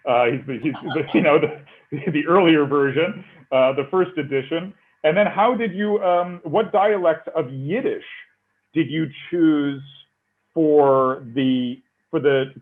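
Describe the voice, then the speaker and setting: A male moderator works his way through long questions, circling back and repeating words as he goes. His voice sits in a middle register and comes through a narrow, tinny line like a phone call. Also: medium pitch. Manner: rambling, repeating words while forming questions. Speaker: interviewer, moderator. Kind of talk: conversational interview.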